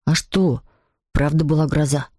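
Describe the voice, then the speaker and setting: A woman's voice: low-pitched, steady tone, a little slow, darkish tone, no echo, studio quality, pitched below the performer's own voice. A woman reading aloud voices a skeptical know-it-all schoolboy who explains things matter-of-factly. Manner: lecturing, matter-of-fact.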